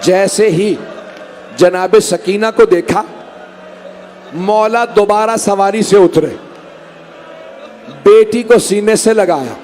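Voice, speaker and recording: A man with a Pakistani Urdu accent reciting a Muharram mourning sermon to a gathered congregation, with impassioned, drawn-out cries. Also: sits high, a little mellow, a little hiss or hum. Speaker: majlis reciter.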